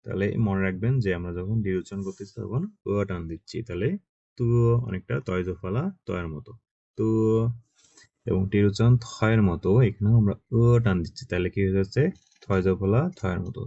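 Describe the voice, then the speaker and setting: Male online language teacher: low, dark and gravelly, patient, drills sounds and checks in. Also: fairly even intonation, fast, muffled recording. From Bangladesh. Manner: patient, checks in often with short questions. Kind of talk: online class teaching pronunciation.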